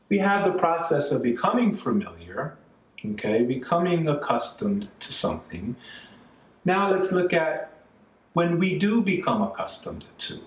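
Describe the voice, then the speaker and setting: Casting note: middle-aged man from Canada, English teacher, slow and animated delivery, echoey room, mic set back. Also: on the high side. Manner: patient, repeats points, frequent "okay?" and "right?" checks. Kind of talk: classroom-style grammar lesson. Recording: echoey room, mic at a distance, faint music.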